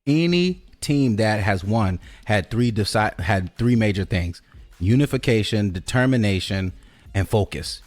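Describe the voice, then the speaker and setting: A podcast host with a fairly low voice and lively intonation talks conversationally about spiritual and cultural ideas, speaking at a measured pace. He is emphatic and repeats key phrases for effect. Soft music plays in the background.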